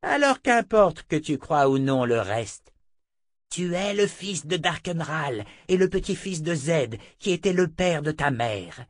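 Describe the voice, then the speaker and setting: Cold imperious old seer woman, read by a man, slow and dry. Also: on the high side, no echo, voice pushed up. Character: old female seer, harsh and scornful. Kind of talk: audiobook character voice.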